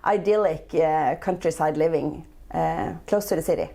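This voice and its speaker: The low, gravelly, mellow voice moves at normal speed as a Norwegian woman in her forties answers an interviewer's questions in accented English. A chef and entrepreneur appearing as a guest, she hesitates a lot and uses many filler sounds.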